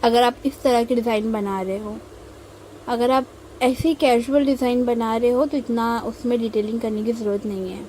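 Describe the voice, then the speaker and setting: A young woman from India talks through a tutorial in a calm, unhurried voice-over, pausing often as she explains each step. Her voice sits a little high but sounds mellow and warm rather than bright. A faint hiss runs underneath. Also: rough recording. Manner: slow, patient explaining with frequent pauses. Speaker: mehndi tutorial host. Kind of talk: instructional voice-over while drawing.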